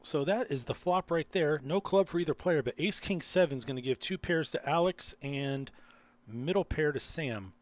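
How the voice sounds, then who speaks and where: A man's voice: fairly high pitch, normal speed, dry recording. A man commentating a live poker final table, explaining hands and teasing his co-host in dry banter.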